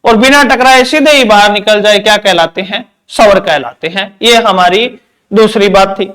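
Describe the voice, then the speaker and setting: A man's voice: high voice, moderate pace, a bit bright. A male teacher giving an exam-prep grammar lecture, repeating points and asking questions he answers himself. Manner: repetitive question-and-answer drilling.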